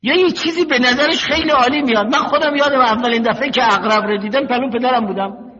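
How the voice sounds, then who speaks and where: An older male cleric giving a slow, measured religious sermon, teaching through stories and quotations. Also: extremely high pitch, steady tone, bright, forceful tone. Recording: dull lo-fi recording in a reverberant hall.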